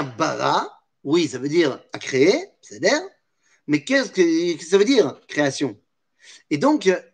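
High, lively-voiced man teaching Torah. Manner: asks rhetorical questions and answers them; mixes Hebrew terms into French. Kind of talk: religious lesson.

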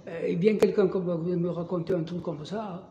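High-voiced man arguing a point in class. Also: fairly even intonation, brisk, mellow, roomy sound. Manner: pushes back on the teacher, thinks aloud. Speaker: class participant. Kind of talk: casual discussion.

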